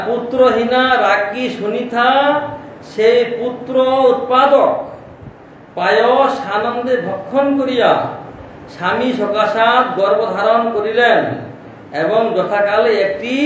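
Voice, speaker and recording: A man, a monk preacher, giving a devotional storytelling sermon. He asks rhetorical questions and answers them himself, with many affirming fillers. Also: high voice. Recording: echoey distant mic with faint noise.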